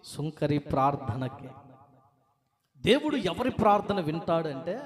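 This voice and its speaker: A male pastor preaching a sermon to a live congregation, animated, asking them questions and rising to near shouts on key points. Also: a little high.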